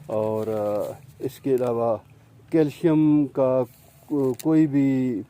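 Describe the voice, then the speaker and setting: A man's voice: medium pitch, fairly even intonation, warm tone. A man giving a casual gardening tutorial among tomato plants, explaining patiently with many fillers as he points things out. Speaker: home gardening presenter.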